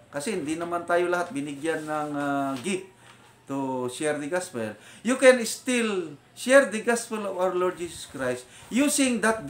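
An older man with a Filipino accent gives a spoken testimony as a retired officer, mixing Tagalog with English as he goes. His voice sits high for a man and is animated. The recording carries a roomy echo. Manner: animated storytelling, switching between Tagalog and English. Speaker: vlogger and retired military officer.

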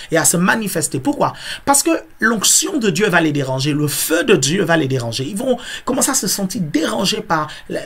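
A man's voice: fairly high pitch, creaky, a bit bright, husky. A male pastor preaching a teaching sermon, repeating key phrases and checking that listeners understand.

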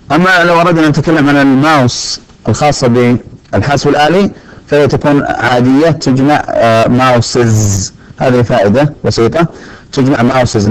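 Man teaching English grammar slowly. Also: medium pitch, low-quality recording. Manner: slow and deliberate, with many fillers and repeated words. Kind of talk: recorded classroom lesson. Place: lecture recording.

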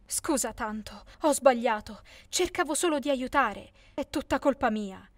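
A shrill, pushy middle-aged adoptive mother from an animated storybook, put on by a woman narrator. She pleads in a raised, high voice. The recording is dry and close. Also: measured pace, no echo, close to an everyday voice. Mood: remorseful.

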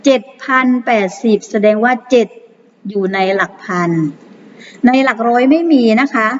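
Higher-voiced woman teacher walking young pupils through math exercises, patient and repetitive, in a dull, echoing recording. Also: a little hiss or hum. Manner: patient, repeats numbers slowly with frequent polite particles. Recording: muffled long reverb.

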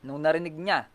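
A man leading an online Bible study sermon, animated, full of rhetorical questions, often clearing his throat. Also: a little high. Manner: animated, swinging from loud to soft.

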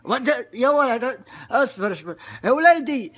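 A man's voice: very high voice, lively intonation, normal speed, a bit bright, full character voice. A young man playing a furious father who blusters and stammers threats during a prank phone call. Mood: threatening. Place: small indoor room. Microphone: phone camera at arm's length.

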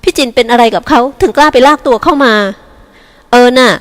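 A woman's voice: sits high, expressive, fast, long reverb tail, pitched above the performer's own voice. A woman voicing a sulky, hot-tempered younger sister who snaps back resentfully, in an audiobook. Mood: sarcastic. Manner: snapping, resentful.

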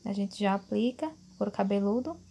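A woman in her thirties, a beauty vlogger, gives a relaxed, casual hair-care tutorial from a small bedroom at home, chatting with her viewers, calling them "gente," using many fillers like "né," and checking that they follow. Her mid-range voice is dark and husky, turning gravelly at the ends of phrases, at a moderate pace.

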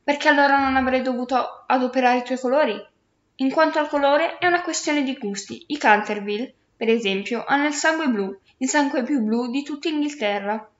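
A centuries-old aristocratic ghost sulks and complains with wounded pride, voiced by a woman reading a storybook. His voice sits a little high. The recording sounds roomy and dull, like lo-fi tape. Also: brisk, close to an everyday voice. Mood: haughty. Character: centuries-old aristocratic male ghost, self-pitying, haughty.

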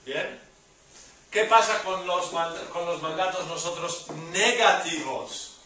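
A man's voice: high-pitched, slow pace, sharp tone, a little hiss or hum. A man teaching a university language class, drilling phrases with emphatic repetition and playful exclamations, recorded in a classroom from a distant camera. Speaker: Spanish teacher. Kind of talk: classroom lecture. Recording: very echoey classroom from far off.

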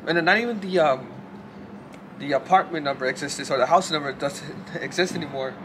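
Speaking a little fast in a fairly high voice, a young man vlogs to camera while shaking from the cold, his loose talk packed with swearing and fillers. A friend films on a handheld camera, outdoors on a city street and later in a hotel room, and the recording carries noisy ambience from both.

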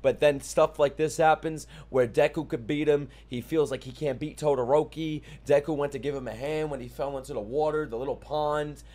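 A man, giving excitable, sweary, casual reaction commentary into a close desk mic. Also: fairly high pitch, normal speed, few pauses. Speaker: reaction video host. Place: small furnished room indoors. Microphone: close desk mic on boom arm.

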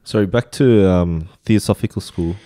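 Man, podcast co-host, very low voice, dark tone, earnest casual chat. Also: normal speed. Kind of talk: casual discussion.

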